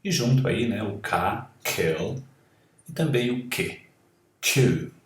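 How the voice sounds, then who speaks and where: A man with a Brazilian Portuguese accent teaches English in a slow, careful online lesson. His voice sits a little low, and he spells out letters one by one. The room around him is echoey. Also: lively intonation, far from the mic.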